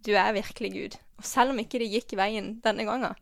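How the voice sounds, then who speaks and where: A woman giving a personal faith testimony, halting and earnest, with many pauses and restarts, sometimes dropping to a soft whisper. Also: medium pitch, steady tone, gravelly, no echo, clean studio sound. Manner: drops to a soft whisper at tender moments. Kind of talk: personal testimony, spoken from memory.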